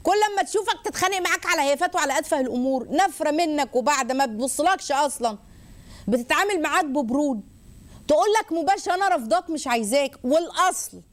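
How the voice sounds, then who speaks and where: A woman with an Egyptian Arabic accent hosting a religious advice talk, lively and rhetorical, listing points and mimicking people. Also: high voice, quick pace. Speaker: host.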